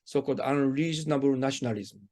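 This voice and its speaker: A man with a Japanese accent conducts a conversational phone interview, talking fast in a mid-range, slightly mellow voice. He's hesitant and roundabout, feeling for his phrasing and hedging his questions.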